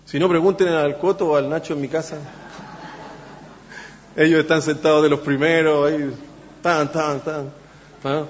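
A man delivers a sermon, his voice sitting high for a man. He halts often on fillers and restarts, then leans hard on his key words. The sound carries a long church-hall echo and a muffled, dull tone. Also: level tone, a little hiss or hum. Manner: halting, many fillers and restarts, emphatic. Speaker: preacher.

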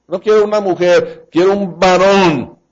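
A man delivers a sermon in a fairly high voice. He speaks straight to his listeners and acts out the lines he quotes. The recording sounds dull and lo-fi. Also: fairly even intonation, a little slow. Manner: addresses the congregation directly. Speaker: preacher.

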